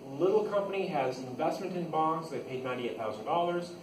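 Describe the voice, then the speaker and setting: Speaking a little fast in a voice on the high side, a male accounting instructor gives an informal lecture that explains things step by step and restates the important points. The audio is echoey and noisy, recorded from a distance.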